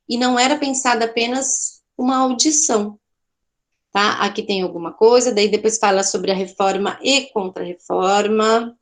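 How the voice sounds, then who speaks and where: Leading an art class online, this woman speaks at a medium pitch with a Brazilian Portuguese accent. Her explanations are conversational, punctuated by frequent check-ins with students and self-corrections.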